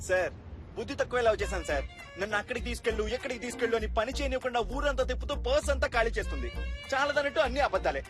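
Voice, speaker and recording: A man's voice: very high voice, lively intonation, racing, music in the background. An actor playing a young man complaining bitterly about his girlfriend, in film dialogue. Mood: whiny. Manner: whining complaint.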